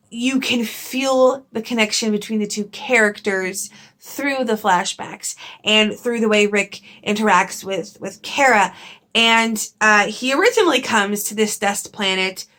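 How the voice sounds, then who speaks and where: A young woman giving a casual, chatty book review, lively and full of "like" and laughs. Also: mid-range voice. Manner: chatty and animated, with frequent "like" and laughs.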